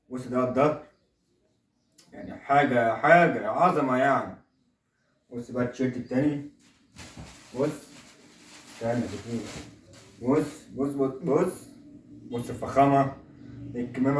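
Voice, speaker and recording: A man's voice: mid-range voice, moderate pace, long pauses, slight background noise, close to an everyday voice. A man with an Egyptian accent playing a stingy, boastful middle-aged father in a comedy sketch, coaxing and insisting on a bargain. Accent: Egyptian Arabic. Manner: boastful, coaxing, keeps saying look. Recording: roomy echo, voice far from the mic.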